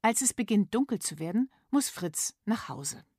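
A woman's voice: medium pitch, moderate pace, no echo, clean studio sound. Woman reading a children's story. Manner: lively, clear storytelling. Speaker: narrator. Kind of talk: scripted children's story narration.

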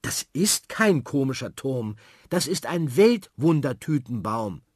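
A man voicing an eager, bossy little girl who speaks in an excited, insistent way. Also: mid-range voice, slow pace, no room sound, studio quality, pitched above the performer's own voice. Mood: defiant.

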